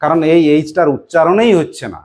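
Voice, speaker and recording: A primary school English teacher, a woman with a West Bengal Bengali accent, leads a call-and-response lesson in her classroom. Her somewhat low, darkish voice moves quickly as she patiently repeats each question to coax answers from her pupils.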